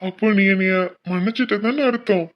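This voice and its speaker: A man's voice: high voice, a little fast, highs cut off, close to an everyday voice. A man voicing a young male college senior in a cartoon, teasing and affectionate. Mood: pleading. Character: young male college senior, playful then tender husband. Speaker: voice actor for a cartoon. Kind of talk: cartoon dialogue.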